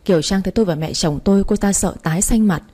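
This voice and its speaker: Mellow-toned woman telling a story. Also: mid-range voice, fast talker. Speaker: narrator. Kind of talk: storytelling audiobook narration.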